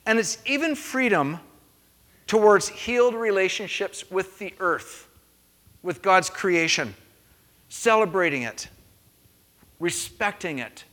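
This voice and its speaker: Slow, high-voiced preaching man. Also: expressive, bright, forceful tone, long reverb tail. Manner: earnest, rhythmic preaching with repeated phrases. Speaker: pastor. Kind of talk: sermon. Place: church.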